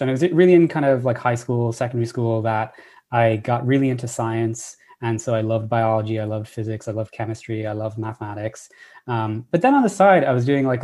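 An Irish man in his thirties, a professor telling his story in a relaxed interview, enthusiastic and full of ums and restarts. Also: mid-range voice. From Ireland. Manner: enthusiastic, many fillers and restarts. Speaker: assistant professor, guest.

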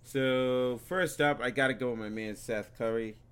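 A man's voice: mid-range voice, normal speed, fairly bright tone, smooth. Laid back guy talking picks, kinda rambly, keeps moving off the mic. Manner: loose, rambling, trips over words. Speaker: podcast co-host. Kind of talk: casual sports picks chat. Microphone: drifts on and off mic.

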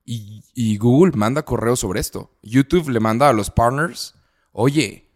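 A man's voice: medium pitch, moderate pace. A young man with a Mexican Spanish accent hosting a casual podcast, teasing and slangy. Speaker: podcast host.

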